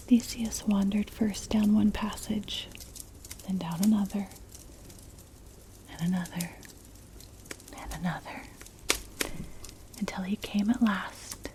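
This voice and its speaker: A woman's voice: medium pitch, a little mellow. Whispering woman reading an ASMR story. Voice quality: breathy, unvoiced whisper. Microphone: close mic, ear-to-ear ASMR. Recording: clear background noise, clicks. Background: crackling fire.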